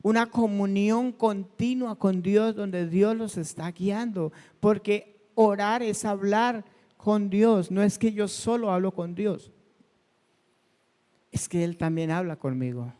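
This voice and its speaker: A man with a high voice preaches in a church hall, the sound trailing off in a long reverb. He talks to his congregation like a conversation, asking them questions as he goes. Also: slow pace, mellow. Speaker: pastor. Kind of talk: sermon.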